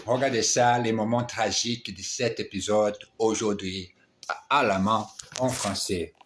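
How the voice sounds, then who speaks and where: Male language learner, low-set voice, unhurried delivery, drills phrases by repetition with self-mocking asides. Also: fairly even intonation, a bit bright, a little hiss or hum. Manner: repeats each phrase slowly. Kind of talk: practicing phrases aloud.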